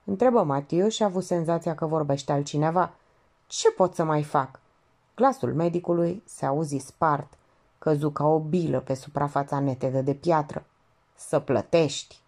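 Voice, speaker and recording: A woman's voice: deep voice, darkish tone. A woman reading an audiobook aloud, lifting her voice for the dialogue. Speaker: audiobook reader.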